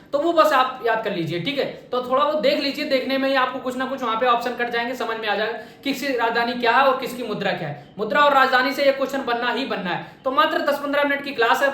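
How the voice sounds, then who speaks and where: Here a teacher quizzes his exam-prep class, supplying every answer himself and repeating it to drive it home. He speaks in a very high, bright, forceful voice. The room is heavily echoey, and he stands well away from the microphone.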